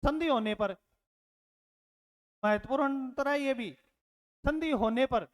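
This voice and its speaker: A man's voice: extremely high pitch, a little slow, big-room sound. A man teaching a lesson, repeating his words and asking rhetorical questions, calling his learners children. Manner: addresses learners fondly as children. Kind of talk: classroom lecture.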